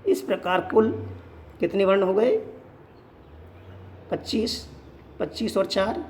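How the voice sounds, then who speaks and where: A teacher giving a Sanskrit grammar lesson, asking questions and answering them, repeating points slowly. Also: mid-range voice, darkish tone, slight background noise. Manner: poses questions and answers them, slow and repetitive. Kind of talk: classroom-style grammar lesson.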